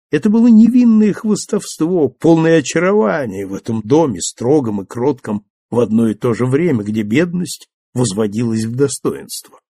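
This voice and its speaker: A man narrating an audiobook in an even, measured storytelling manner. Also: medium pitch, no echo, studio quality.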